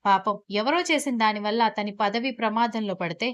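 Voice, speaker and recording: A woman voicing a gentle, affectionate older mother chatting with her daughter in a storybook reading. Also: medium pitch, brisk, lightly acted.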